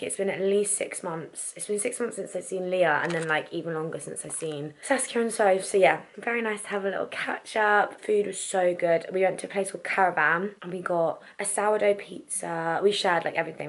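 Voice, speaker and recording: A young woman in her twenties chatting casually to camera in a lifestyle vlog, gushing and quick with asides. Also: fairly low pitch. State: hoarse, lost voice. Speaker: vlogger.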